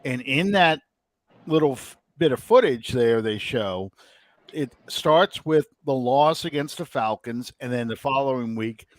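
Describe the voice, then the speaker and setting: A man's voice: mid-range voice, lively intonation, a little slow, no echo. Rambling man on a sports podcast. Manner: rambling, thinking aloud, many fillers. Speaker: podcast host. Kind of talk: casual sports podcast chat.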